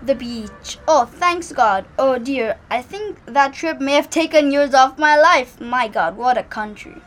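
A woman's voice: high-pitched, lively intonation, unhurried. A woman playing a grumpy, fussy English father on holiday, complaining and exasperated, in an acted comedy drama. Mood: weary, wary.

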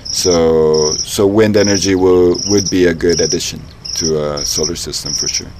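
Interviewee: very low-voiced man from Ecuador, thoughtful, lots of "uh", loud crickets around. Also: steady tone, normal speed. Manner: thoughtful, many fillers and restarts. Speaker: interviewee, engineer and dance teacher. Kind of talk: casual interview. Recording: outdoor noise with loud crickets. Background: loud crickets and insects.

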